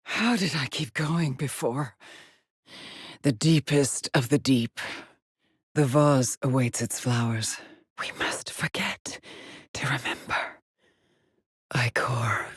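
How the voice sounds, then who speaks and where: A low, husky voice gives dramatic lines for a haunted lone female space explorer in a sci-fi video game, delivered as short log entries. Measured, solemn and often breathy, she sounds weary yet determined, brooding and haunted, as if logging her findings alone. The exaggerated performance is recorded clean in a studio with no room sound.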